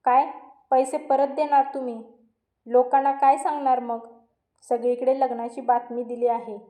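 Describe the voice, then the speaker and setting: A sharp-tongued, irritated middle-aged mother from a storybook, read by a woman narrator. The voice sits fairly high and mellow. It rings with room echo. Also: flat delivery, moderate pace, close to an everyday voice. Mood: angry. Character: angry middle-aged mother taking her brother's side. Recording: roomy echo.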